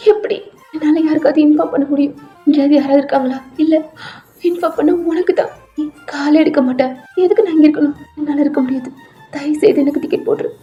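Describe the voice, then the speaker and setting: A woman's voice: high-pitched, dark tone, highs cut off, voice pushed up, lightly acted. A woman voicing a frightened, homesick young woman who pleads and complains to her friend.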